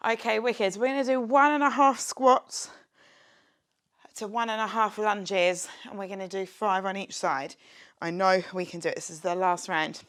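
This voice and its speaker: A woman's voice: mid-range voice, a bit bright. A young woman leading a home workout, upbeat and encouraging, exercising as she talks and sometimes dropping to a whisper. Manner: upbeat, encouraging, chatty with jokes; exercising while talking, drops to a whisper at times. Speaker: fitness instructor. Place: her home, near a street window.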